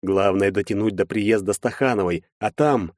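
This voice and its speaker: A man reading a first-person audiobook in steady, measured storytelling on a close mic. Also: on the low side, dry recording. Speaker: audiobook narrator.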